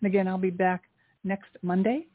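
A woman hosting a spiritual call-in show as an angel card reader, speaking in an encouraging, affirming way with a husky, gravelly voice. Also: mid-range voice, steady tone, normal speed, no echo. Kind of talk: spiritual reading with call-in segment. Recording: tinny phone-line sound, roomless and dry.

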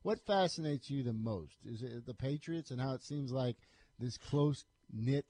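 A man's voice: medium pitch, moderate pace, dark tone, no echo. A man hosting a morning sports talk radio show, asking long, rambling questions in a casual way. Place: radio studio.

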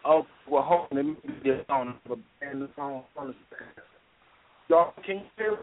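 A man's voice: medium pitch, moderate pace. A man on a group phone call whose line keeps breaking up, checking again and again whether the others can hear him. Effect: choppy phone line breaking up. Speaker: call participant.

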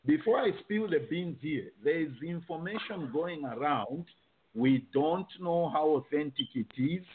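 A man's voice: a little high, lively intonation, a little slow, a little hiss or hum. A man from Zambia hosting a panel discussion, thinking aloud and restarting his sentences often. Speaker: host. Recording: narrow phone-like line.

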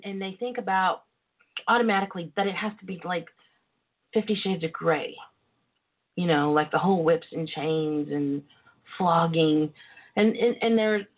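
A woman with a Southern US twang hosting a talk show in a casual, sassy, flirtatious way, full of endearments. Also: medium pitch. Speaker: podcast host. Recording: tinny phone-line internet radio sound.

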